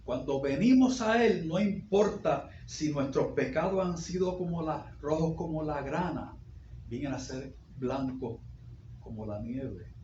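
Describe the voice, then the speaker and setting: A man preaching a sermon as pastor, repeating phrases and rising to sudden loud peaks. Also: a little high, unhurried, a little hiss or hum. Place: church sanctuary. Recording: echoey dull church recording.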